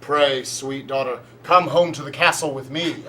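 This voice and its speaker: A man's voice: mid-range voice, normal speed, fairly bright tone, a little hiss or hum, natural voice. A man playing a stern old king. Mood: commanding. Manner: archaic stage speech, commanding. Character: stern old King Leo, domineering father. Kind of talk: amateur stage skit.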